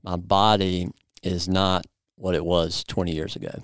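A man's voice: deep voice, level tone, a little slow, clear, resonant tone, dry recording, clean studio sound. A man in his forties hosting a podcast, explaining in an upbeat, playful way and interviewing a guest. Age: 40s. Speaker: podcast host.

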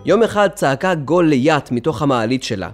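A man narrates a children's story with expressive, storybook delivery. His voice sits a touch high and moves with lively pitch. Music plays beneath him throughout. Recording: music playing under the voice.

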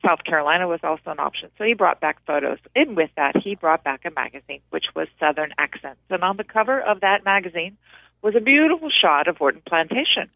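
A woman's voice: on the low side, lively intonation, fairly quick, vocal fry, dry recording. A woman film producer, a guest on an interview, recalls her work in a talkative way with frequent restarts, speaking over the phone. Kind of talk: casual interview recollection. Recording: tinny phone line.

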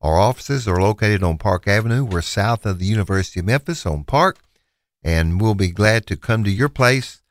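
Um homem com sotaque do sul dos Estados Unidos, apresentador e leiloeiro, falando num bate-papo de rádio cheio de hesitações e recomeços. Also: male voice, lowish voice, animated, normal speed. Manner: rambling, many restarts and fillers. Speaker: auctioneer and radio host. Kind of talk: casual radio talk.

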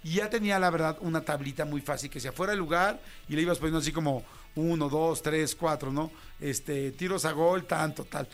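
Telling the story of his first job, this Mexican radio host in his fifties is animated and slangy, voicing the characters himself in casual Mexican Spanish storytelling. He speaks briskly on the high side, barely pausing, while soft music plays behind him.

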